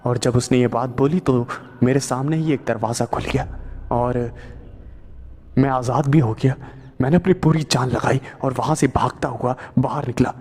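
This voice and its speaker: A man narrating a first-person horror story in slow, tense storytelling. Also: medium pitch, fairly even intonation, darkish tone, a little hiss or hum. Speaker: storyteller narrating as a truck driver.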